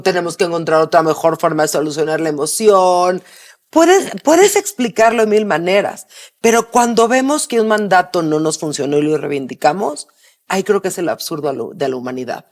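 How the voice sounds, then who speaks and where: A woman's voice: on the low side, darkish tone. A woman, co-hosting a podcast and making her points emphatically. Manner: emphatic, argumentative. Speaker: podcast co-host. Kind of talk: conversational podcast.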